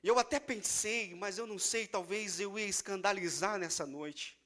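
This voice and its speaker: A man's voice: sits high, moderate pace, sharp tone. A man preaching a sermon in a church with a Brazilian Portuguese accent, telling stories and then preaching fervently with emphatic repetition.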